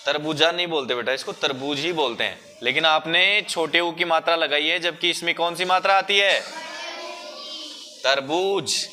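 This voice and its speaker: A man teaching a primary school class, patiently coaxing the children and drawing words out slowly to show the sounds. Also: fairly high pitch, bright, forceful tone, a little hiss or hum. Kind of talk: classroom lesson.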